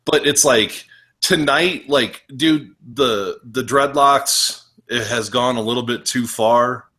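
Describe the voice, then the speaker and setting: A man co-hosting a wrestling podcast, talking in a loose, rambling way with lots of restarts and animated rants. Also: mid-range voice, slow pace. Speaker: podcast co-host. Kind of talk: casual wrestling podcast chat.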